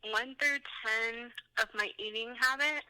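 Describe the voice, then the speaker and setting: A woman's voice: a little high, measured pace, bright, forceful tone, clear, resonant tone, rough recording. A woman speaking casually through a phone held up to the microphone, surprised at first and then answering questions in short replies. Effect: heard through a phone held to the mic. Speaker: phone guest.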